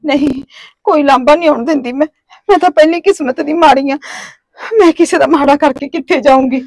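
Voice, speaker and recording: A woman's voice: sits high, fairly quick, a little mellow, dry recording. An actress with a Punjabi accent playing a tearful young wife thrown out of her home, begging for work and shelter. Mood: pleading. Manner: pleading, sobbing. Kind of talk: village family drama acting.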